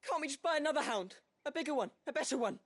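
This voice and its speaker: A woman's voice: sits high, lively intonation, rapid-fire. A woman voicing a spoiled, petulant young noble boy in a video game, whiny and bratty in manner. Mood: wheedling.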